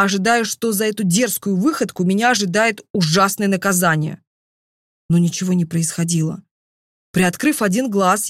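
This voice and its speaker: Expressive woman audiobook narrator. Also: medium pitch, no room sound, clean studio sound. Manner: expressive, dramatic reading. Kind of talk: first-person audiobook narration.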